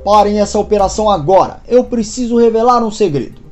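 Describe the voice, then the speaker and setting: A woman's voice: medium pitch, quick pace, a little mellow, faint music behind, voice pushed up, lightly acted. A woman reading the lines of a troubled young man hiding a secret, in an urgent inner monologue.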